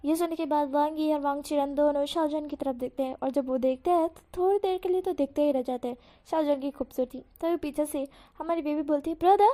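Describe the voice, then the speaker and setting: A high, lively woman's voice tells a homemade fan fiction story. She narrates briskly and jumps into the characters' lines, often turning loud and scolding. Her voice sits clearly above the usual register for women.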